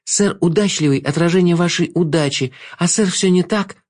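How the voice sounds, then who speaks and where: Storybook heroine: a firm, defiant young girl with a raised, high voice, played by a man. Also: fairly quick, a little mellow. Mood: determined.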